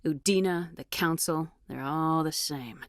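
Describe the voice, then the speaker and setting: An actress playing a resolute, blunt military space commander in a video game, speaking in a controlled, direct way. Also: female voice, low-pitched, unhurried, no echo, studio quality. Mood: stern, determined. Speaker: voice actor for a game's lead character. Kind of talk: scripted game dialogue.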